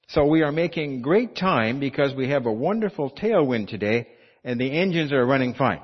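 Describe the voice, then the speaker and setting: Man playing an airline pilot on the cabin intercom, loud and measured, mid-range voice, dull lo-fi sound. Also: medium pitch, lightly acted. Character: airline pilot making a cabin announcement from the flight deck. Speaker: pastor. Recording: dull lo-fi recording.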